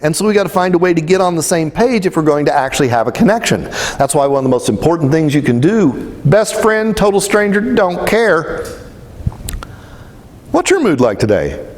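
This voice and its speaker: A man's voice: on the high side, sing-song, normal speed. Blunt casual man in a reverberant hall. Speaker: spiritual speaker. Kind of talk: motivational talk.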